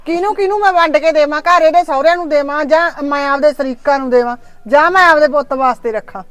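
A woman's voice: mid-range voice, quick pace, dry recording, close to an everyday voice. A woman playing a worried middle-aged mother who frets and scolds in homely village talk. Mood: distressed. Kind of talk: village family drama acting.

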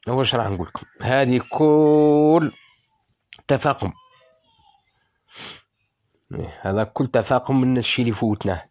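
A man's voice: medium pitch, moderate pace, pauses often, a little mellow, muffled recording. A man in his fifties with an Algerian Arabic accent, a former soldier making an emotional, indignant appeal on a livestream and repeating phrases as he pleads. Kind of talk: impassioned live-stream appeal.

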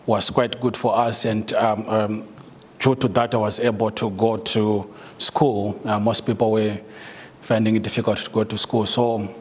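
A guest speaker, a middle-aged solicitor from Zimbabwe, addresses staff in an indoor meeting room with a Zimbabwean accent. His lowish voice is slightly rough and trails off into long reverb. The talk is full of ums and uhs, with some light laughter.

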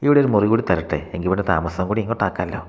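A man's voice: low voice, racing, creaky, darkish tone, pitched above the performer's own voice. A man voicing a playful, teasing young woman, the little sister in a narrated story. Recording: long hall reverb.

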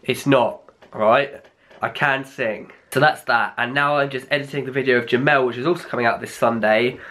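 A man's voice: mid-range voice, fairly even intonation, a little fast, bright, forceful tone. Chatty young guy, slightly ill. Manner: rambling, chatty. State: a bit ill, blocked nose. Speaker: vlogger. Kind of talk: casual vlog chat.

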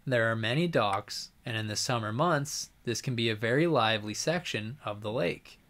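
A young man giving calm, informative scripted narration as a video host. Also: mid-range voice, normal speed.

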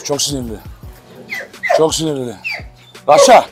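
A man handling large guard dogs on his farm, giving firm commands to calm and scold them while he explains what they do. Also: high voice, normal speed, loud music behind the voice. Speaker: dog farm owner. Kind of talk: handheld dog-handling vlog.

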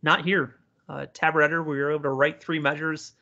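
Male tech trainer for an informal live tutorial: bright, a touch high, encouraging and talking straight to learners. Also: little pitch movement, fairly quick, highs cut off. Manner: encouraging, addresses learners directly. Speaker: software instructor, community presenter.

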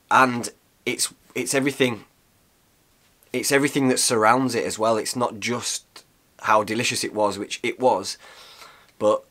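A mid-range, slightly bright male voice belongs to an outdoor cooking vlogger in his thirties. He speaks casually to camera in a cosy little room, rambling, restarting his sentences, and dropping plenty of fillers.

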